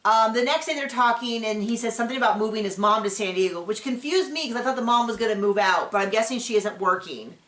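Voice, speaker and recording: Here a podcast host runs through a reality show recap in loose, rambling conversation, frequently performing other people's quotes. She talks fast with hardly any pauses, in a slightly high, fairly bright voice, captured in a room with noticeable echo.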